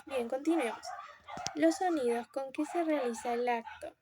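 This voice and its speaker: A woman's voice: high voice, moderate pace, background noise. A young woman presenting a class lesson, explaining and acting out speech sounds with her lips, often correcting herself. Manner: self-correcting, with fillers. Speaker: student presenter.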